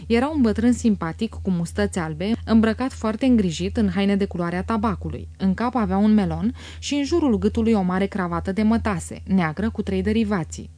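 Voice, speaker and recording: A woman narrates a literary audiobook with a measured, even delivery. Her voice is mellow and warm, recorded close and dry. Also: medium pitch, dry recording.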